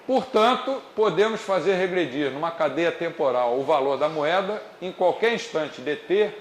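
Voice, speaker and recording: A man with a Brazilian Portuguese accent giving a classroom economics lecture, explaining step by step and slowing down on key points. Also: on the high side, expressive. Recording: echoey classroom, faint noise.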